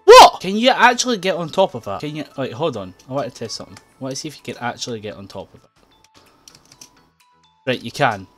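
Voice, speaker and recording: A young man narrating his own gameplay, quick to frustration and laughter, at a desk mic near his keyboard. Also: medium pitch, soft background music. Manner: excitable, frustrated outbursts and laughing. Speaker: gaming YouTuber. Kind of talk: let's play commentary. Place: home room at a computer.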